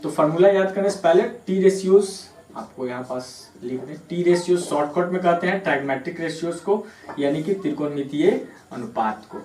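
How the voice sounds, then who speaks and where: Patient teacher spelling terms in an echoey room. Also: male voice, a little high, mellow, distant mic. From Bihar, India. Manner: patient, repeats terms slowly, spells words letter by letter. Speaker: maths teacher. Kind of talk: classroom lesson explaining at a board.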